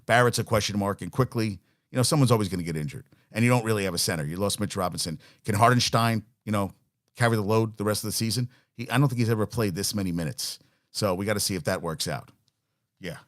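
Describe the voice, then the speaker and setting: A man's voice: fairly low pitch, fast. A man hosting a sports talk show, ranting bluntly and profanely with opinionated swings. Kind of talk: casual opinionated sports rant.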